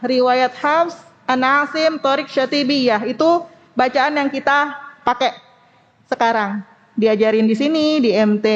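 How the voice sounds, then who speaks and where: A woman's voice: sits high, highs cut off. Woman teaching recitation in an echoing hall. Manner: demonstrates recitation slowly, calls on class to repeat. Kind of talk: women's study group lesson.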